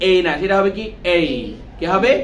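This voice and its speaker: A man's voice: high voice, normal speed. A man teaching English letter pronunciation, quizzing his class with repeated questions. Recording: echoey room with faint noise.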